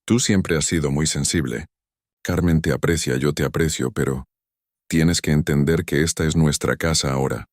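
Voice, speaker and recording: A man's voice: a bass voice, fairly even intonation, normal speed, no echo, studio quality. A man voicing a defensive, dismissive adult son in a spoken story.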